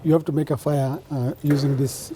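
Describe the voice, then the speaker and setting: A man's voice: on the high side, level tone, moderate pace, background noise. A man from Tanzania, part of a Maasai delegation, explaining things in a documentary interview with hesitant fillers.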